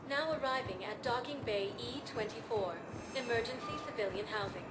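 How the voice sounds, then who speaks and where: A woman voicing a calm, polite transit computer that makes even-toned announcements over a station speaker. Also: fairly high pitch, a little fast, very noisy. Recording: echoey, distant announcement speaker.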